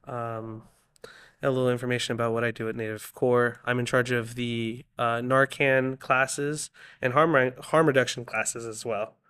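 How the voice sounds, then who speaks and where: A man, a guest in an interview, speaking in a steady, matter-of-fact way. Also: mid-range voice, normal speed, smooth. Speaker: guest, outreach coordinator. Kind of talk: casual interview talk.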